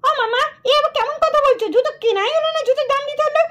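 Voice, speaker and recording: A woman's voice: very high voice, racing, fairly bright tone. A woman voicing a cheeky little girl who whines insistently for new shoes in a puppet show. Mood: demanding. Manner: whiny, insistent.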